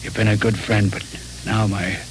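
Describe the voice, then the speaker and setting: An actor playing a gravely ill husband in an old radio serial, speaking in a faint, halting, half-whispered voice. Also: male voice, on the low side, flat delivery, soft background music, close to an everyday voice, poor audio. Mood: weak, weary. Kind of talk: 1940s radio acting.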